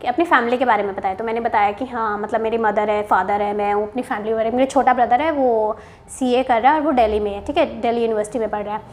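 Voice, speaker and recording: High-voiced chatty young woman. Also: fairly even intonation, fast, a little mellow. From Haryana, India. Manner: chatty, mixes Hindi and English, frequent "theek hai" asides. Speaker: bank officer sharing interview experience. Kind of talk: casual storytelling to camera.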